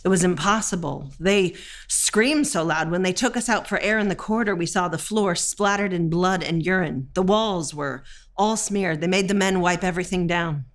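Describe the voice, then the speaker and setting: An actress playing a firm woman of forty-nine, steady and matter-of-fact, giving documentary theatre testimony. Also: lowish voice, normal speed, close to an everyday voice. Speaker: actor.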